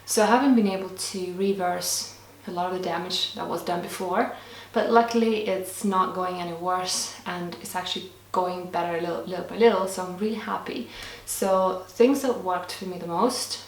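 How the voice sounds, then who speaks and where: Far from the microphone, a young woman with a mid-range voice, whose native language is Lithuanian, responds earnestly to viewer questions in a casual to-camera Q&A. She makes small restarts, and the echoey room leaves her off-mic.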